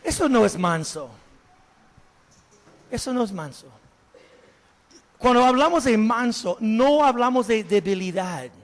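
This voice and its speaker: A male pastor preaching a sermon, animated, asking the congregation questions and slipping in English words. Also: very high voice, unhurried, long pauses. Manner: slips English words into Spanish. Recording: long hall reverb.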